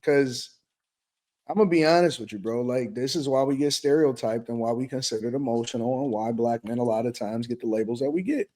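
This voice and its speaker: A man's voice: medium pitch, a little fast, dark tone. A man in his forties from Detroit, hosting a heated panel debate and repeating himself insistently to hold the floor. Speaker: podcast host.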